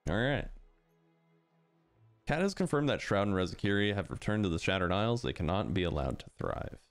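Low-voiced man explaining gameplay. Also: fairly quick, clean tone, soft background music. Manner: relaxed, explanatory, frequent fillers. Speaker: gaming channel host. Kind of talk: casual gameplay commentary.

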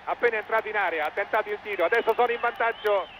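High-pitched Italian male football commentator. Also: racing, fairly bright tone. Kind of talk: live football match commentary. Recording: noisy old 1980s television broadcast.

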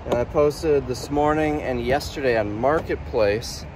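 A young American vlogger running a warehouse sale talks casually while filming himself at work, the phone at arm's length. His medium-pitched voice is measured in pace, his manner rambling and matter-of-fact. Background noise is present as he moves between the warehouse and the roadside outside.

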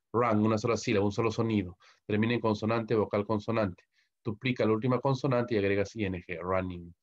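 A man's voice: mid-range voice, darkish tone. A man from Peru with a Peruvian Spanish accent, teaching English grammar in a recorded online lecture and stopping often to ask "¿ok?". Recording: muffled lo-fi audio.

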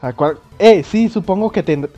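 Dude yelling and cursing at a game, kinda high voice, music playing underneath. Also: male voice, moderate pace, dull audio. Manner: loud, excitable, swears a lot, yelps. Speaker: gamer playing on video. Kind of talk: game let's play commentary.

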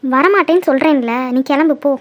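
A woman's voice: sits high, brisk, very noisy, lightly acted. A woman voicing a young cartoon girl, defensive and upset. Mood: annoyed. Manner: defensive, pleading. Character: young woman torn and tearful over a proposal. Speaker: cartoon character. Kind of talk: cartoon voice acting.

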